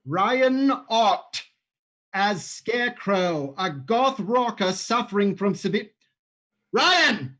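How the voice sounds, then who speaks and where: Over a livestream on a home microphone, a man who wrote the play narrates its cast list and stage directions, slipping in dry, sarcastic asides. His voice is high-pitched and sharp, with lively intonation, and he takes it slowly.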